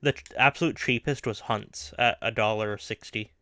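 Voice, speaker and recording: A man's voice: fairly low pitch, moderate pace, no room sound. A man streaming a truck game, chatting offhandedly with a friend about everyday things. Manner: relaxed, offhand small talk. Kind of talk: casual chat while gaming.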